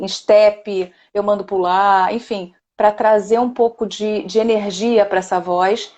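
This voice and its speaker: A middle-aged woman hosting a casual online live chat as a speech therapist, enthusiastic and chatty, often tagging sentences with a questioning "né". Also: mid-range voice. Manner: warm, enthusiastic, many "né?" tags.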